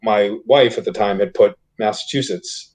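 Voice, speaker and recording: A man's voice: lowish voice, steady tone, normal speed, a little mellow. A man from the Boston area, a guest on a casual podcast, chatty and prone to side stories. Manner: chatty, laughs easily, tells side stories. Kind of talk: casual chat.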